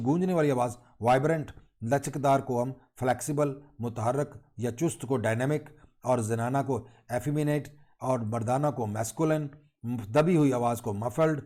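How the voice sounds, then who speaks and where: A middle-aged man delivers an online college lesson at an everyday male pitch, his voice mellow and soft-edged. He works steadily through his notes, listing one term after another in a patient teaching manner. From Pakistan. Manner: reads out lists of terms in a measured teaching tone. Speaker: college lecturer. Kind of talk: recorded online lecture.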